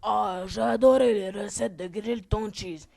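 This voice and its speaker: Grown son put on by a performer, gravelly delighted customer for a spoof infomercial, slightly noisy recording. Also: medium pitch, fairly even intonation, a little slow, darkish tone. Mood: emphatic. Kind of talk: parody infomercial testimonial.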